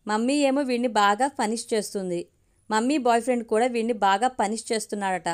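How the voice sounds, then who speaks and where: A woman's voice: a little high, fairly quick, lightly acted. A woman voicing a young boy, a tearful grandson, in a told story with a childlike, earnest manner.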